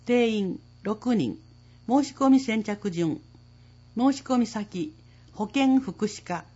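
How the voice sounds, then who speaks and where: A woman announcer reading municipal public service notices in a measured way, slowing down for phone numbers. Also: on the high side, dark tone, breathy edge, muffled recording.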